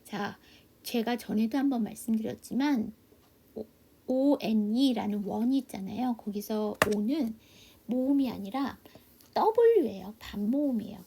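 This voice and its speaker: Woman English teacher, husky mellow voice, patient quiz-and-answer drilling, slips into half-whispers. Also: a little high. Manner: patient step-by-step drilling, asks and answers own questions; drops into soft half-whispers on explanations. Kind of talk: online phonics lesson. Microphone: computer mic for a video class.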